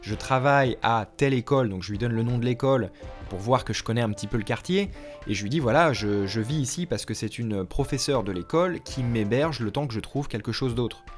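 A man's voice: medium pitch, a little fast, soft background music. A young French man telling a story in a casual, slangy way, acting out the lines he quotes. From France. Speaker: language vlogger.

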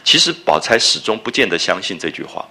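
A man's voice: deep voice, sing-song, fairly quick, pushed and bright. A man lecturing on a classic novel. He talks conversationally, repeating phrases and asking his listeners rhetorical questions. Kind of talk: explanatory literature lecture.

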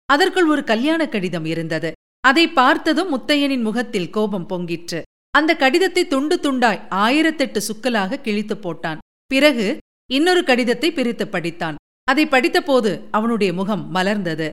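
A woman narrating a novel chapter in a measured storytelling manner. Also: on the high side, very animated, fairly bright tone.

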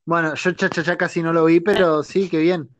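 A man's voice: a little high, level tone, normal speed, background noise. A young man with a Rioplatense accent, chatting in an easygoing way as a podcast co-host. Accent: Rioplatense Spanish. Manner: easygoing, chatty, laughs often. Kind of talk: casual chat.

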